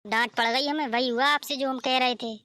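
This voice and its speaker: A woman's voice: sits high, fairly even intonation, fairly quick, sharp tone, no echo. A woman voicing a polite, apologetic young daughter-in-law in a cartoon story.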